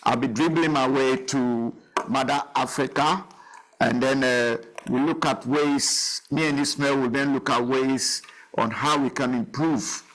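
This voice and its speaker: A man's voice: mid-range voice, steady tone, measured pace, fairly bright tone, rough recording. A man hosting a television talk show, interviewing a guest in a rambling, chatty way with frequent laughs. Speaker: TV show host.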